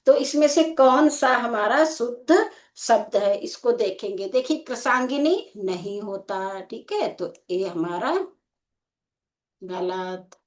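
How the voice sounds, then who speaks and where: A woman teaching a Hindi spelling lesson for exam preparation, explaining slowly and checking in with the class again and again. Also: mid-range voice, animated. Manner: slow and explanatory, repeating "ठीक है" as a check. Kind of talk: exam-prep lecture.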